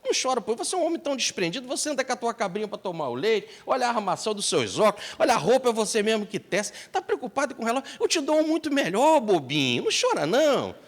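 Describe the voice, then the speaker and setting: A man's voice: very high voice, big pitch swings, fast talker, hardly any pauses, big-room sound, voice pushed up, exaggerated voice. A man voicing a jovial British nobleman who teasingly consoles a friend. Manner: teasing, coaxing.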